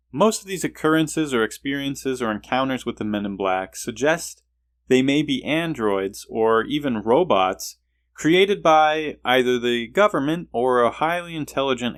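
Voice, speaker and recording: A man hosting a podcast, telling a story and musing aloud, often hesitant and repeating himself as he thinks. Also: medium pitch. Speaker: podcast host. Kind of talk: casual solo podcast storytelling.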